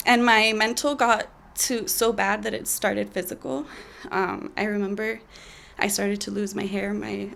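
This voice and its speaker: A young woman in her twenties telling a personal story in a candid, halting way with many fillers. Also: medium pitch, vocal fry, a bit bright. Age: 20s.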